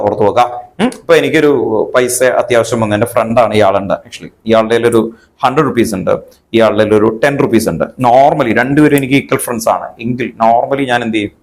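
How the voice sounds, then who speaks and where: A man teaching a chemistry lesson. He asks his students questions and then answers them himself, and he spells terms out slowly. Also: medium pitch. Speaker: chemistry tutor. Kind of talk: online exam-prep lesson.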